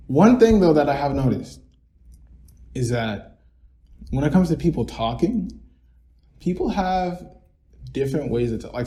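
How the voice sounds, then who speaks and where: Mellow-voiced young man, rambling. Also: medium pitch. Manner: rambling, many fillers and restarts. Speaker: podcast co-host. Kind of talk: casual reflective chat.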